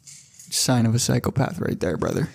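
A man's voice: fairly low pitch, expressive, moderate pace, gravelly, husky. A man co-hosting a comedy podcast in casual chat, teasing his partner, swearing freely and laughing often. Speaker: podcast co-host.

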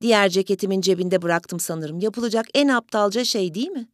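A woman voicing a small, polite elderly gentleman who pleads with fussy, over-courteous manners in an audiobook story. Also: mid-range voice, brisk, no echo, clean studio sound, close to an everyday voice. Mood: courteous pleading.

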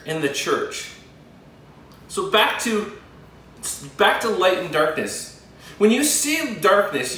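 A male pastor giving a sermon with earnest, emphatic pauses. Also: sits high, fairly bright tone. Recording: very echoey room, voice from a distance.

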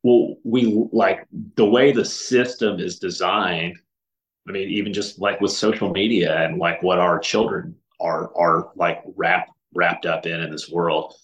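A man with a fairly low voice speaks as a podcast guest. He talks earnestly and conversationally, stumbling through restarts and leaning on filler words as he makes his points. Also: fairly even intonation, measured pace, a bit bright, low-quality recording. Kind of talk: casual interview conversation.

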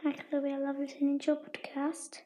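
A woman leaving a quiet, politely formal voice message on a dull lo-fi recording. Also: high voice, completely flat delivery, moderate pace. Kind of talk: casual voice message.

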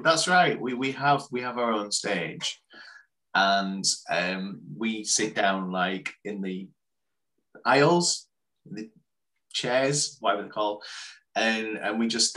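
Bright-voiced man, thoughtful co-host. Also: fairly low pitch, poor audio. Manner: meandering, thoughtful, with many restarts. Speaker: co-host and coach. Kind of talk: casual conversational podcast.

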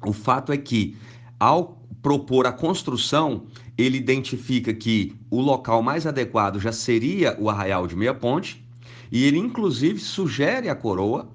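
Man, history professor, conversational, mid pitch. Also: lively intonation, a little slow, husky. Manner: conversational, many fillers like né. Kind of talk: interview explanation.

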